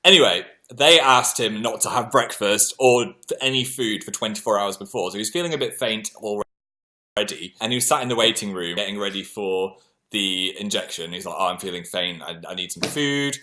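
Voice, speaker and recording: This livestream host talks in a fairly low, bright and forceful voice at a moderate pace, with a British accent. Chatting easily, he entertains viewers with stories at his own expense.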